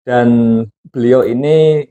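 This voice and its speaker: This man, a host and hypnosis teacher, runs a casual interview and keeps prompting his guest with lots of questions and tag phrases in a chatty way. His medium-pitched voice is steady, slow and mellow, with the highs cut off.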